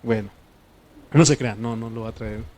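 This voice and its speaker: A man with a Mexican Spanish accent preaching a sermon as pastor, swinging between loud declarations and quiet asides to the congregation. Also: mid-range voice, fairly even intonation, normal speed.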